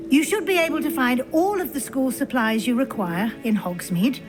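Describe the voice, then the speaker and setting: High-voiced British professor Weasley played by an actress. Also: female voice, moderate pace, over music, lightly acted. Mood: encouraging. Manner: formal, articulate, instructive. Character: brisk, encouraging female wizarding school professor. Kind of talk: scripted video game dialogue.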